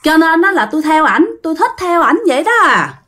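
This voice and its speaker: Woman putting on a coy, high drowned-girl ghost. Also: animated, a little fast, bright, forceful tone. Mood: coy, stubborn. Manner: coy, whiny and high-pitched.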